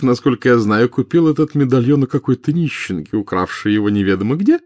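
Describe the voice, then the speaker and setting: A fussy, gushing old witch with a high voice that swoops up and down, full of doting exclamations, as a male reader puts her on. The sound is close and dry, with no room around it. It suits a storybook audiobook. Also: a little mellow, dry recording. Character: silly gushing rich old witch woman. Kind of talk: audiobook character voice.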